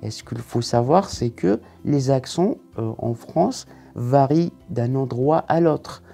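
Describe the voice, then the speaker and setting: A man gives an online language lesson in a warm, mellow voice with a gravelly edge. He explains methodically, step by step. Soft music plays faintly behind him. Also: mid-range voice, takes it slowly. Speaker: French language teacher.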